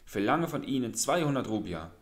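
A man voicing an indignant village wife who scolds loudly in a raised, shrill voice. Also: huge pitch swings, moderate pace, echoey room. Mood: furious.

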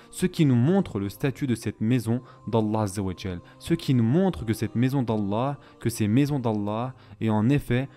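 A man giving a measured, explanatory voice-over lecture on Islamic history, weaving Arabic phrases into his speech. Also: medium pitch, warm tone.

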